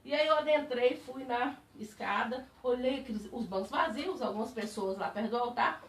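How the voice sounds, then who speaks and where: A woman speaking as a spiritist, giving a personal testimony to a group in animated storytelling. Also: on the high side, normal speed, a little hiss or hum. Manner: animated storytelling, laughing while recalling. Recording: echoey room, distant mic.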